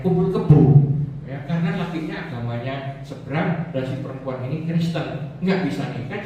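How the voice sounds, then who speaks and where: A man's voice: fairly high pitch, warm tone, slight background noise. Echoey man preaching. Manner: chatty, joking storyteller who laughs at his own stories. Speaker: pastor. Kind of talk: sermon. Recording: very echoey hall, distant mic, faint ambience.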